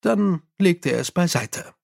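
Lively man reading an audiobook. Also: high-pitched, measured pace, creaky. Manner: lively, expressive storytelling. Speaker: audiobook narrator. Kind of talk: scripted narration.

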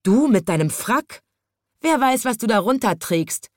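A woman's voice: on the high side, lively intonation, unhurried, no room sound, studio quality, voice pushed up. A woman voicing a rude, boorish male hippo in a storybook, speaking in a mocking, taunting way.

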